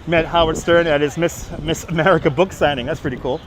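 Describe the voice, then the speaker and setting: On a casual live stream recorded while walking outdoors in busy Manhattan, a middle-aged Brooklyn-accented man speaks a little fast in a fairly high, steady voice. He's chatty, reading and answering viewers out loud and going over the same points again, against a backdrop of street noise.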